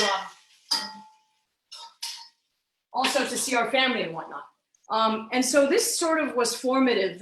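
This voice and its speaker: A woman teaches a live online cooking class from her home kitchen and shares her story along the way. Her mid-pitched voice rings around the echoey room. She explains carefully and often restarts her thoughts with ums. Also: a bit bright. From born in Kuwait, raised in Saudi Arabia. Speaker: cooking instructor.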